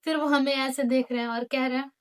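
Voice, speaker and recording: A woman in her late teens, a vlogger, telling a school storytime in animated casual chat, acting out the lines of others and slipping English phrases in. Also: high voice, fast. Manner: animated, acts out teachers and friends in quoted lines.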